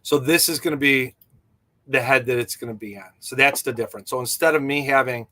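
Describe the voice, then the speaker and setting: A man's voice: medium pitch, brisk, pushed and bright. A man hosting a casual livestream, rambling enthusiastically with many fillers and answering viewers' chat. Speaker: livestream host and jig designer.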